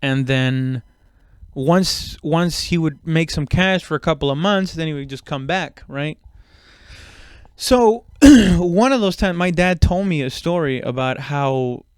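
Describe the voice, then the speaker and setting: A stand-up comedian in his thirties, born in Mexico and moved to the US at seven, tells a story casually, swearing, rambling and cutting himself off. His voice is on the high side, slow and smooth, in a dry, clean studio recording.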